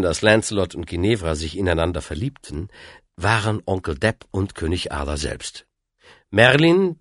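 A man's voice: low-pitched, no echo, studio quality. Man narrating an audiobook expressively. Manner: expressive, lively storytelling.

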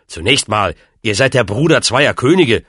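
Man doing a steady, earnest young knight with a bright, lively voice, for a storybook reading. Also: mid-range voice, moderate pace, slightly rough, dry recording, clean studio sound. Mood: firm. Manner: firm, level and reasonable.

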